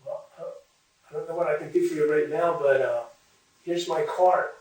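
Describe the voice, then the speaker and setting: A man's voice: a little high, steady tone, moderate pace, darkish tone, lightly acted. A man voicing an offhand, glib male lawyer. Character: offhand male lawyer offering his card. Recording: very echoey room, far from mic.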